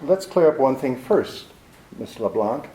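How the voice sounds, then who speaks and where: A man's voice: mid-range voice, lively intonation, unhurried, dark tone, lightly acted. A man playing a cynical, tough private detective with a wry, clipped, world-weary delivery, in 1940s radio drama style, in a roomy recording.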